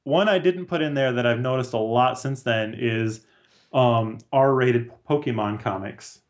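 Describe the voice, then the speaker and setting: The speaker, a man in his thirties who works as a comics artist, has a mid-range voice and an unhurried manner. He's a guest in a casual video-call chat, wearing headphones in a small room at home or an office.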